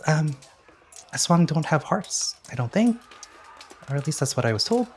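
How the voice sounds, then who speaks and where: A man voicing an excitable companion who talks into a hero's ear, stammering and insistent. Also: on the high side, moderate pace, a little hiss or hum, voice pushed up. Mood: insistent, flustered.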